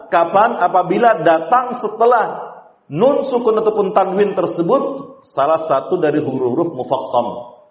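A man with an Indonesian accent teaches Quran recitation in a slow, measured way, stopping often to chant the example words and to check that his students follow. His voice sits a little high for a man. The recording is roomy and dull, like a lo-fi lecture tape. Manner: explains then chants examples slowly, asks the class questions. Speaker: tajwid teacher.

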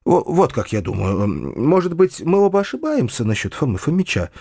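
A man reads classic fiction aloud with a lively, varied lilt. The recording is dry and close, with no room around the voice. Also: on the high side, a little fast, gravelly, no room sound. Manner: expressive, hesitant in first-person dialogue. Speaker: narrator. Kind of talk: audiobook reading of classic fiction.

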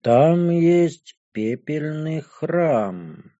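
A man voicing a gloomy, detached young dragon-woman who speaks flatly and slowly in an audiobook. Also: fairly low pitch, highs cut off, pitched below the performer's own voice. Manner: flat, indifferent, hushed and slow. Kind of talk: audiobook character voice.

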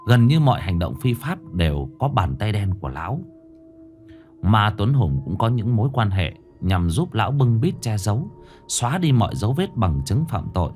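A man narrating a dark crime story in a grave, dramatic manner. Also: lowish voice.

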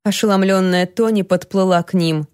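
A woman's voice: medium pitch, fairly even intonation, moderate pace, darkish tone, smooth, dry recording. Woman narrating a novel, dry close sound. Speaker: audiobook narrator. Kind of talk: scripted narration.

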